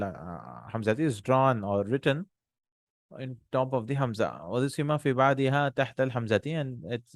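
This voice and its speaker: A man teaching an Arabic textbook lesson. He reads Arabic lines quickly, then translates and explains them slowly in with many pauses and restarts. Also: mid-range voice, no echo.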